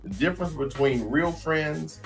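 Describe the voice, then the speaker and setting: A man's voice: a little high, a little slow, faint music behind. A man hosting a live podcast, talking casually and reading out viewer comments. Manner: relaxed, conversational, reads out comments. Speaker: podcast host. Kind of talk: casual live-stream talk.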